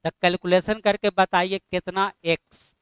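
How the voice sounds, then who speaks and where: A middle-aged man teaching a math class, firing constant questions at his students and scolding them mildly when they are slow. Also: high-pitched, little pitch movement, fairly bright tone, clean tone, no echo.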